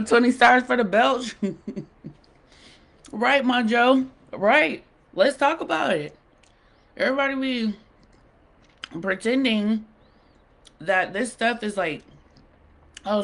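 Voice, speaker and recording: Woman streamer, relaxed and slow, gravelly fry in the voice, playful chat with viewers between bites. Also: on the high side. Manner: chatty, playful, bantering with the chat; talks while eating. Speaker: livestream host. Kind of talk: casual livestream chat with viewers.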